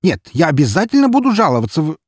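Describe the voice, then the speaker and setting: A man's voice: mid-range voice, very animated, brisk, darkish tone, slightly rough, no echo, studio quality, pitched above the performer's own voice. A man voicing an indignant neighbor woman in her forties who scolds in a raised voice.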